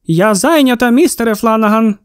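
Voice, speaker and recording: A man voicing a huge, loud, ill-tempered shopkeeper's wife who snaps and grumbles in a storybook reading. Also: moderate pace, clean tone, no room sound, clean studio sound. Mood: shouting. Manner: booming, snapping complaints.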